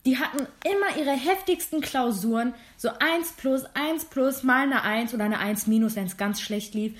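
A woman's voice: high-pitched, normal speed, a little hiss or hum. A woman from Germany, a podcast guest, talking emphatically and slipping English words into casual chat.

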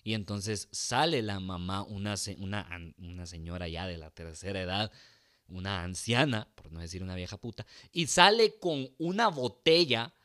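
A man spins a rowdy comic anecdote in a fairly low voice. He swears freely, mocks himself, and jumps into shouted bits as he acts out the scene. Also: expressive, normal speed. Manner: crude, profane, self-mocking, acts out shouts. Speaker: storyteller.

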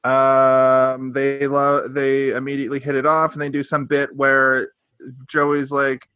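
A man's voice: mid-range voice, completely flat delivery, slow, sharp tone, clear, resonant tone, no echo, dull audio. A man co-hosting a podcast, casually recapping a show with blunt, wry opinions. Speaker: podcast co-host. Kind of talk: casual recap chat about a sitcom.

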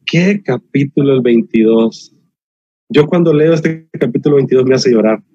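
A man's voice: medium pitch, normal speed, mellow, breathy edge, no room sound, muffled recording. A man preaching a sermon as a pastor, emphatic and repetitive with touches of humor, heard over a video call.

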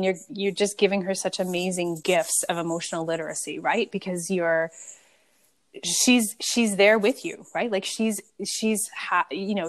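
A woman hosting a casual conversation, affirming her guest and often asking "right?". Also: mid-range voice. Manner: warm, affirming, frequent "right?".

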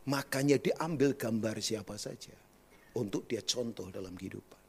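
A man preaching a sermon, moving between loud high calls to the congregation and low quiet asides. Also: moderate pace, vocal fry, a little hiss or hum. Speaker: pastor.

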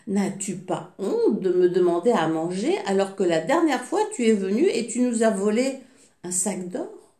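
A woman voicing a giantess, the ogre's wife, who talks briskly and scolds. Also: mid-range voice, big pitch swings, warm tone, natural voice. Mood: scolding. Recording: echoey room.

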